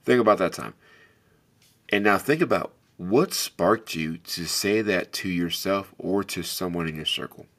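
Speaking a little slowly, this man delivers an earnest, reflective motivational talk straight to the listener as a podcast host. The voice is low, a bit bright, big and carrying.

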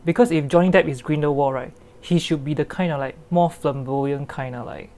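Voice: medium pitch, fairly quick, warm tone. A host with a Singaporean accent chatting casually about films in a group voice chat, joking and laughing often. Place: remote voice chat.

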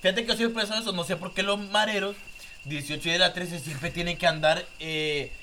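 A man's voice: high voice, fairly quick, noisy background. A man chatting casually as co-host and musing aloud in an aside. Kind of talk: casual podcast chat.

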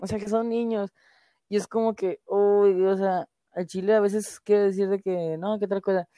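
A woman's voice: mid-range voice, fairly even intonation, normal speed, dark tone, smooth, no room sound. Slangy Mexican woman streamer. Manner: slangy, swears a lot, peppers speech with filler words. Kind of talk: casual profane stream chat.

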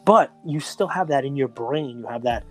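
A man co-hosting a casual podcast, talking in an animated way and acting out what other people say in excited voices. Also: medium pitch, normal speed, soft background music. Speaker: podcast co-host.

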